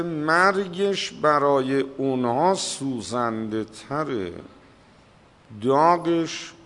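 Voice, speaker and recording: A man preaching a religious sermon, slow and emphatic, drawing out the words he stresses. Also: sits high, sharp tone, long reverb tail. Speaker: cleric.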